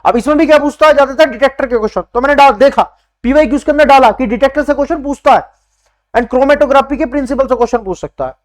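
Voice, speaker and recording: A man's voice: extremely high pitch, fast. A young man teaching an exam-prep class in casual spoken style, repeating key points emphatically and calling students brother. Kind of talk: informal coaching lecture.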